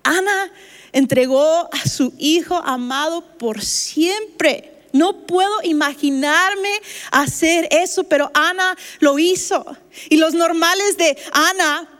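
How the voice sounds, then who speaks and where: A woman's voice: very high-pitched, a bit bright. A woman preaching a sermon, telling personal stories and acting out what people said. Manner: personal storytelling with acted quotes. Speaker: pastor.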